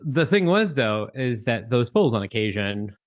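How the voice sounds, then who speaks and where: Here the same kind of guest, a Canadian founder in his thirties, sounds very animated at a normal speed, his voice mid-range. He talks casually with plenty of fillers and restarts, captured as dry, dull lo-fi call audio.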